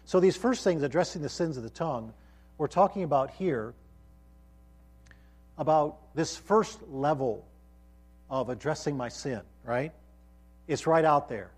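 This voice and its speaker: A man's voice: a little high, measured pace, pauses often, darkish tone, breathy edge. A man teaching a sermon to a college group, earnest and emphatic, often restarting phrases and checking in with his listeners. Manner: frequent restarts and repeated words. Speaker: college ministry pastor.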